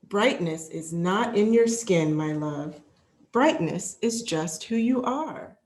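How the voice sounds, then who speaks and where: A woman voicing a gentle, reassuring mother in a storybook, tender and deliberate. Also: lowish voice, expressive. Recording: roomy, echoing sound.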